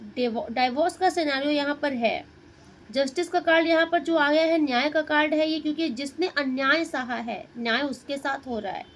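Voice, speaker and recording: Woman doing a tarot reading, high voice, bit of hiss behind. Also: normal speed, rough recording. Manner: Hindi-English mix, addresses viewer directly, muses over cards. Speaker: tarot reader.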